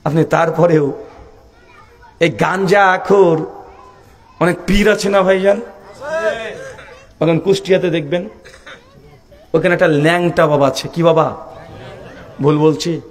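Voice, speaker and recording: A man preaching an impassioned sermon, chanting and shouting as he puts pleading questions to the crowd. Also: fairly high pitch, fairly even intonation, slow, long pauses, in a large hall. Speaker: preacher at a waz mahfil.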